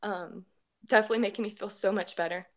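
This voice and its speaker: A woman's voice: medium pitch, steady tone, fast. A woman gives a heartfelt personal testimony with many fillers, crying at times. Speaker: guest sharing a testimonial.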